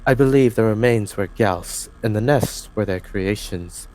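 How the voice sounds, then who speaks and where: A young man hosting a group reading, narrating fan fiction aloud in a steady voice with small slips and corrections, on a home mic over a voice call. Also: fairly low pitch, measured pace. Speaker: host and narrator.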